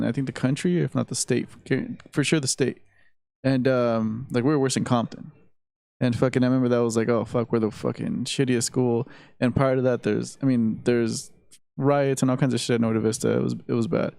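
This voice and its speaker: Podcast co-host, 30s man, gravelly voice, dry close sound, loose profane talk. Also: mid-range voice, fairly even intonation, a little fast, dark tone, dry recording. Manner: loose, profane, full of fillers. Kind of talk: casual drunken chat.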